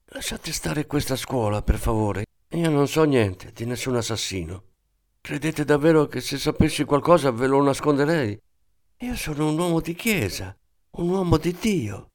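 A man reading an audiobook, voicing a nervous middle-aged priest who runs a school and pleads defensively in a lifted, softer voice. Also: a little high, expressive, moderate pace, no echo, studio quality, pitched above the performer's own voice. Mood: pleading.

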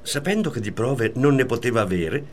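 A man reading the part of a tormented man caught between his wife and his mistress in a radio play, in a clipped, halting delivery. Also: mid-range voice, very animated, natural voice.

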